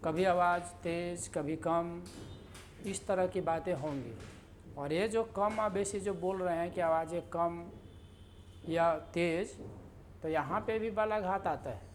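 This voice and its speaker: A woman teaching a grammar lesson in a slow, explanatory way, with many fillers and repeated example sentences. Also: lowish voice, a little mellow, a little hiss or hum. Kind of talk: lecture.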